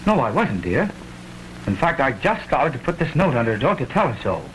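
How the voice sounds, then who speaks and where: Boyish young son, early talkie style: earnest, swooping intonation, hissy vintage film sound. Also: male voice, medium pitch, big pitch swings, a little fast, fairly bright tone. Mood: reassuring. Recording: crackly, humming 1929 film soundtrack.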